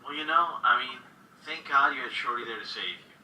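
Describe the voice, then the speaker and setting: A man hosting a casual call-in livestream, laid-back, swearing freely and laughing loudly. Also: medium pitch, a little fast, echoey room, far from the mic, a little hiss or hum, rough recording.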